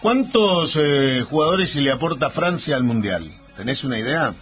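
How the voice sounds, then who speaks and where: A man with an Argentine accent hosting a sports segment on radio, chatting casually with pauses and fillers. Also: fairly high pitch, expressive, a bit bright. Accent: Argentine Spanish. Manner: conversational, halting with fillers. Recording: radio broadcast with music bed.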